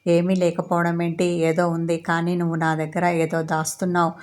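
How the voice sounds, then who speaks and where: A woman's voice: on the low side, completely flat delivery, normal speed, close to an everyday voice. A woman voicing an elderly grandmother who questions and advises her grandson in a storybook romance. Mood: probing. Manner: probing and advising. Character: elderly grandmother, nosy and caring.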